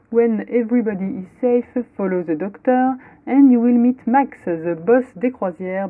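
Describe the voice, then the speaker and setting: A woman doing a mock airline captain over a tinny cockpit line. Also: mid-range voice. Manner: bilingual mock announcement, switching French and broken English. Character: mock airline captain making cabin announcements. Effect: tinny cockpit-announcement sound. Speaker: podcast co-host giving the episode recap. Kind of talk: comic scripted recap.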